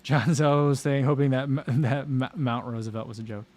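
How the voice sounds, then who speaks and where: A man's voice: mid-range voice, fairly even intonation, normal speed, darkish tone. A man hosting a casual livestream, reading viewer comments aloud and rambling with fillers and frequent laughs. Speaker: running channel host. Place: home livestream.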